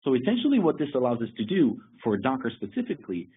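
A security lead presents a technical webinar, explaining things steadily with occasional restarts. His medium-pitched, husky voice moves fast with huge pitch swings and comes through a tinny, phone-like line.

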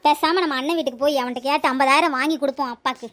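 A woman's voice: high voice, fairly even intonation, rapid-fire, very noisy, lightly acted. A woman voicing an anxious young wife pleading for money for her father in a cartoon. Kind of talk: cartoon voice acting.

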